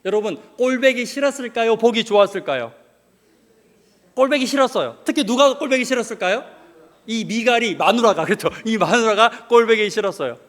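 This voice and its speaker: A male pastor delivers a sermon in a high, very animated voice that swoops up and down. He keeps firing questions and jokes at the congregation, and his voice rings with the long reverb of a church hall. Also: brisk.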